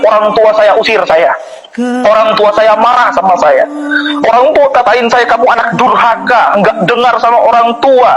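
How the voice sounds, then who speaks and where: A man's voice: high-pitched, low-quality recording. A man giving an impassioned personal testimony of conversion, repeating phrases for emphasis.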